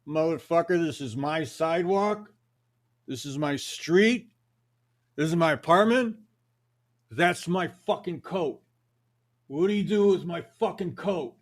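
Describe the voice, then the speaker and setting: An older man voicing an aggressive street tough who swears and threatens loudly in a retold story. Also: a little high, unhurried, pauses often, voice pushed up, close to an everyday voice. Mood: threatening.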